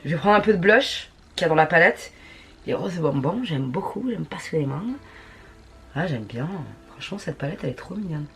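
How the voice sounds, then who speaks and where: Low-pitched yet a bit bright and slightly rough, her voice is expressive and brisk as she chats at home testing makeup. The casual tutorial talk is loaded with crude slang and self-mocking jokes from the beauty vlogger.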